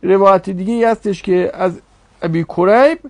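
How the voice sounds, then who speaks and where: A man's voice: sits high, darkish tone, no room sound. A man teaching a religious studies class, reasoning aloud and posing rhetorical questions to his students.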